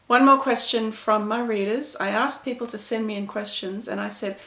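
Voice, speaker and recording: A woman's voice: a little high, fairly even intonation, moderate pace, fairly bright tone, roomy sound. A middle-aged woman, chatting to camera as an author answering reader questions in a self-deprecating, storytelling way. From Pakistan. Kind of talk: casual talk to camera.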